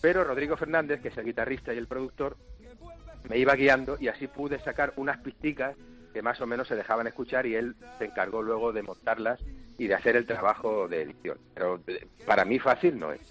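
A musician being interviewed on the radio, telling stories in a chatty, joking way. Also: male voice, medium pitch, a little fast, a bit bright, muffled recording, faint music behind. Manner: chatty, jokey storyteller. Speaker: musician guest.

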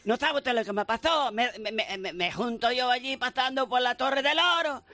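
A man's voice: very high-pitched, normal speed, pushed and bright, no echo, pitched above the performer's own voice. A man voicing a fawning, rambling grown man from Seville, in a radio comedy sketch. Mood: gushing. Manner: pleading, rambling, repeats himself.

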